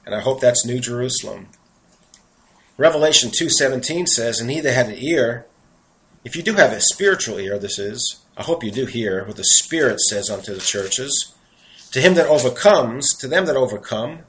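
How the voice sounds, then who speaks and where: Reading scripture in a sermon, a New York-accented preacher keeps pausing for earnest, conversational asides between verses. His medium-pitched voice is animated and a bit bright at normal speed, and the poor audio carries some hiss or hum.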